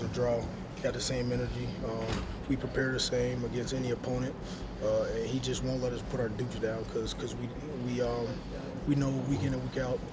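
A young college football player giving a postgame press interview, speaking in a measured, halting way with many fillers. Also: male voice, medium pitch, heavy background noise. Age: young adult. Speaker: college linebacker. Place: stadium concourse with crowd noise. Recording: loud crowd behind the voice.

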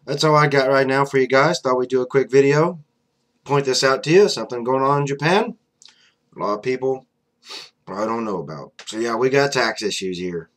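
A young man vlogs political commentary to his desk webcam in a small, flag-backed room, speaking bluntly and casually with plenty of fillers like "you know" and asides. His middle-pitched voice is brisk and fairly bright in an everyday conversational flow.

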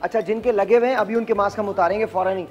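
A man hosting a morning TV show in a studio, loudly urging the live audience to shout and clap. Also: sits high, fast talker, lo-fi sound, faint music behind. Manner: energetic, rallies audience to shout.

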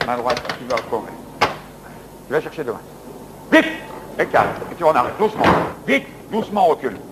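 A man coaching an exercise session indoors, giving brisk counted commands and encouragement. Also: medium pitch, very animated, heavy background noise. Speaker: fitness coach.

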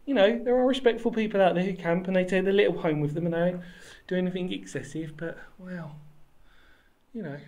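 A man in his thirties with a slightly higher voice walks through a sandstone cave and the surrounding woods, filming himself at arm's length. He rambles warmly about the spot, stops mid-thought and corrects himself, and sounds openly delighted to be there. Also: steady tone, a little fast. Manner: rambling, enthusiastic, self-correcting. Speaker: history explorer vlogger. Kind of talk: walking vlog to camera. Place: outdoors in a sandstone cave and woodland. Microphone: handheld camera at arm's length.

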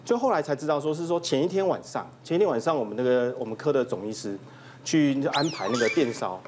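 Male doctor guest, quick and animated, higher voice, some noise behind. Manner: lively, imitates patients, rushed delivery. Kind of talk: telling a funny patient story.

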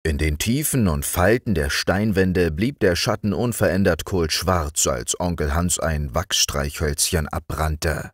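A man narrating a fairy tale as a calm bedtime audiobook reader. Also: low voice, measured pace, few pauses, no echo, studio quality. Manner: calm, expressive storytelling.

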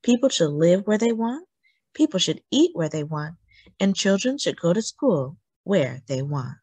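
Reading a story for children, this woman uses a husky, slightly low voice and deliberately stresses phrases with lively, expressive intonation. The recording is close and dry, with hardly any echo.

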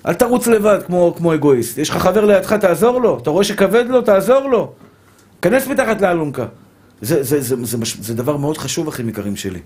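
A man's voice: a little high, animated, darkish tone, husky. A male rabbi giving a Torah lesson to a live audience, speaking emphatically, repeating phrases and calling his listeners dear brothers.

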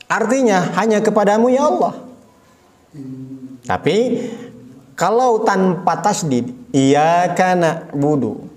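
A man with an Indonesian accent leads a beginners' recitation lesson, drawing each word out slowly and going back over corrections patiently. His voice sits fairly high for a man and moves at an unhurried, deliberate pace. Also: darkish tone. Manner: patient, demonstrates words slowly and repeats corrections. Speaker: Quran recitation teacher. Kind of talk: slow step-by-step recitation lesson.

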